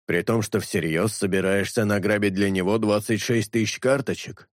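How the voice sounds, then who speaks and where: A man reading an audiobook, voicing a blunt, wary streetwise man who grumbles and swings his pitch up and down. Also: steady tone, moderate pace, dry recording, studio quality, close to an everyday voice.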